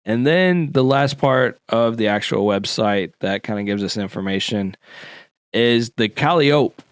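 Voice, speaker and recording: Laid-back man co-hosting a podcast, low-pitched and resonant, dry room. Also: unhurried, smooth, dry recording. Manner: laid-back, explains history with slang and fillers. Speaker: podcast co-host. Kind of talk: casual podcast chat.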